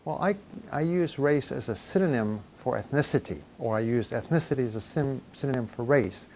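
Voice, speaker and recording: A man's voice: medium pitch, brisk. A man answering in an interview in a thoughtful, conversational way. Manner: thoughtful, conversational, with some restarts.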